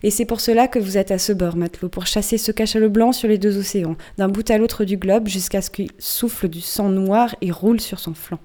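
A woman voicing an obsessed, vengeful old male sea captain in a dark, low, declaiming voice, reading from a storybook. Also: fairly quick, few pauses, natural voice. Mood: raging.

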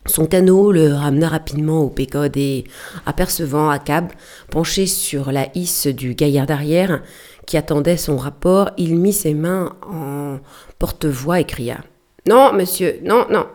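Woman audiobook reader, low pitched and mellow, measured delivery. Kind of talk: scripted narration.

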